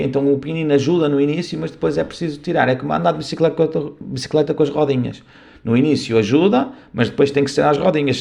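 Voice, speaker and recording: A man's voice: medium pitch, gravelly, darkish tone. A man with a European Portuguese accent teaching a class, explaining patiently and often checking that his students follow. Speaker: martial arts instructor. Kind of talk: classroom lecture.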